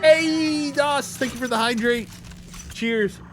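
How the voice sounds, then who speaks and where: Give me a laughing, teasing man streaming a co-op game, game music clearly behind. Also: very high voice, slow pace. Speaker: streamer playing co-op. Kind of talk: casual gaming chat.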